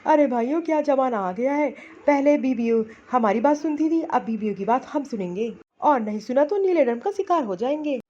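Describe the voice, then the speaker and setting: A woman's voice: high-pitched, animated, a little fast, hardly any pauses, a little mellow. A woman voicing a grumbling, henpecked young husband in a cartoon who complains to the audience. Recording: dull lo-fi sound, faint noise.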